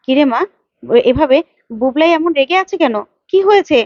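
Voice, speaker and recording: A woman's voice: sits high, animated, normal speed, darkish tone, no echo. Woman voicing a scheming, bossy mother. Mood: urging. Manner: urgent, coaxing, bossy. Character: scheming middle-aged mother egging on her daughter. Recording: dull lo-fi, dry.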